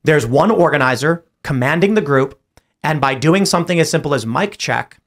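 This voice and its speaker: Gravelly man hosting a political talk show. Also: on the high side, moderate pace. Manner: animated storytelling, mimics others in raised voices. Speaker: podcast host.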